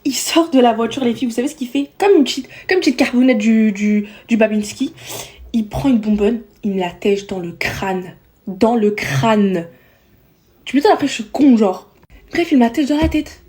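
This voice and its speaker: A young woman rattles through a storytime vlog at high speed, her slangy, chatty delivery aimed straight at the viewers. Her voice sits a little high but has a mellow, dark tone. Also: a little fast. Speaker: vlogger.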